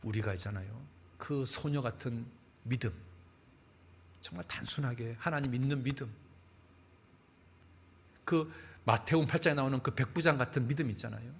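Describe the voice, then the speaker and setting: A male pastor telling stories in a sermon, with animated delivery and dramatic pauses. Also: mid-range voice, breathy edge. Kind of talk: sermon storytelling.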